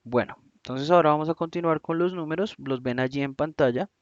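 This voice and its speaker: A man with a Colombian Spanish accent teaching a recorded English lesson, slowly and deliberately, spelling out sounds one by one. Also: a little high, no room sound. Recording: dull, lo-fi sound.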